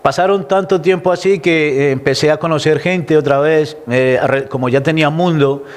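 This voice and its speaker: A man's voice: fairly high pitch, normal speed. Man, Colombian accent, interview guest, emotional reflective testimony, many restarts. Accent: Colombian Spanish.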